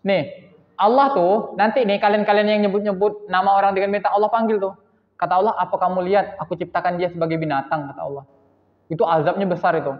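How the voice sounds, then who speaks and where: A high-pitched man gives a religious lesson to his students, scolding them and firing rhetorical questions. He acts out little dialogues as he goes. The sound is dull and lo-fi, and it rings around a large echoing hall. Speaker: religious teacher addressing students.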